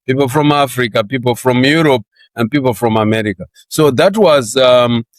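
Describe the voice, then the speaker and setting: A man's voice: mid-range voice, normal speed. A man in his sixties from Zimbabwe, a guest in a career interview, with a mid-range voice that sits right in the middle for a man. He talks in a loose, chatty way, often laughing and stumbling over repeated words at the start of his thoughts. The sound is close and dry, with no room echo.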